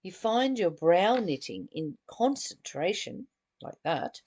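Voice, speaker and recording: A spiritual teacher leading a book study reads aloud from a spiritual study text and adds her own earnest, reflective commentary, sometimes stumbling and repeating phrases. Her lowish voice is slow and darkish in tone, with big pitch swings.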